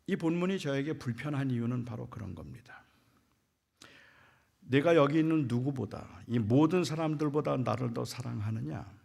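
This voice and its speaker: A pastor preaches a sermon in church in a mid-range, creaky voice, shifting from loud emphasis to hushed near-whispers. He poses rhetorical questions to the congregation.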